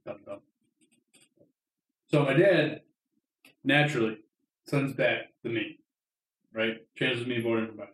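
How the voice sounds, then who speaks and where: A man hosting a podcast in casual, jokey chat, animated and swearing a lot. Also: medium pitch, unhurried, pauses often. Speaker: podcast host. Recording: roomy echo.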